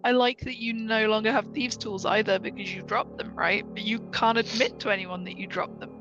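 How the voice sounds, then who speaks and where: A woman's voice: medium pitch, steady tone, fairly quick. A woman chatting casually as a player in a tabletop role-playing game. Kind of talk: casual chat. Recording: muffled, clear music behind.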